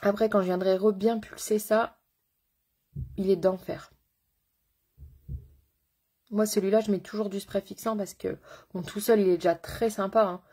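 A woman makeup artist talks through a live makeup tutorial in a slightly husky, breathy voice at a middle pitch. She is chatty and slangy, full of enthusiasm, and calls her viewers by pet names. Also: fairly even intonation, moderate pace, long pauses, mellow.

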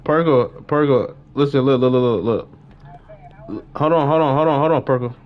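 A young American man chats casually on a gaming live stream, repeating phrases and leaning on heavy street slang. His medium-pitched voice moves at a moderate pace, and the lo-fi recording is noisy with game sounds.

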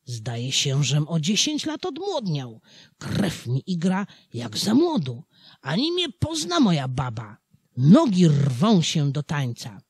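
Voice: wildly swooping pitch, takes it slowly, husky, no echo, full character voice. Charłak: a narrator doing a tipsy old peasant. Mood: merry. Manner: wondering, merry, high-pitched outbursts. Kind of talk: audiobook folk tale reading.

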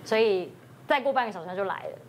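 A woman's voice: medium pitch, expressive, a little hiss or hum. A woman doctor on a TV talk show, telling an anecdote and acting out the quoted lines of a worried mother. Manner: retells dialogue, quickly switching into quoted voices. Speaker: emergency room doctor.

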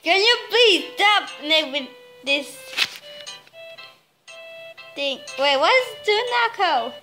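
Excitable woman gaming host, unhurried, squealy outbursts over game music. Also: very high-pitched, poor audio. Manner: excitable, bursts into squeals and complaints while playing. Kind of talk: casual game commentary.

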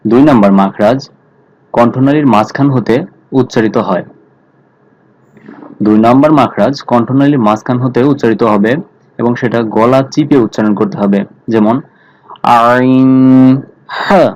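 A man teaching Quran recitation, slowly repeating Arabic letter sounds and explaining where each is made in the throat and mouth. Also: medium pitch, darkish tone. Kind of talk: slow tutorial on Arabic letter articulation. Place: mosque. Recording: slightly dull lo-fi audio.

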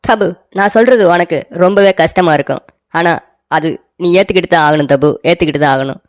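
A woman's voice: lowish voice, a little fast, lightly acted. A woman voicing an emotional, naive young man in a cartoon story, talking in a whiny, pleading way.

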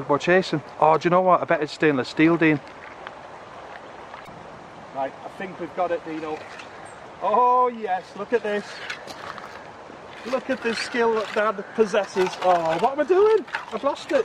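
A chatty, excitable middle-aged man with a slightly raised voice, talking to his viewers outdoors by a river. He is recorded on a camera, with faint background noise. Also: high-pitched, normal speed, long pauses. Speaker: magnet fishing vlogger. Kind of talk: casual outdoor commentary. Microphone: camera on a tripod or handheld.

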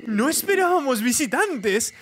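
A man's voice: extremely high pitch, very animated, unhurried, fairly bright tone, a little hiss or hum, voice pushed up, exaggerated voice. A man putting on a horror-game mother, raised voice, cloying and menacing. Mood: sweetly sinister. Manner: falsely sweet, calls the captive dear. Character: sugary sinister mother of a creepy family, woman.

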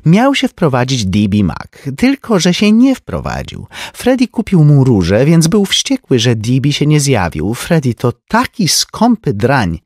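A man's voice: mid-range voice, measured pace, hardly any pauses, dry recording, studio quality, pitched above the performer's own voice. A man voicing a bored wealthy socialite woman. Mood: offhand. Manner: flat, indifferent delivery.

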